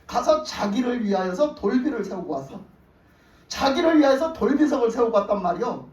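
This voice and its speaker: A woman pastor preaching a sermon, retelling a story with lively asides and questions to the congregation. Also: a little high, a little fast. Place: church sanctuary. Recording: roomy hall, distant mic.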